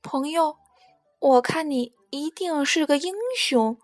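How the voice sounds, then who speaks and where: A woman's voice: high-pitched, slow, soft background music. A woman voicing a sly old male crocodile in a storybook, pleading with false kindness. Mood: wheedling. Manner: wheedling, falsely kind. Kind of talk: storybook character voice.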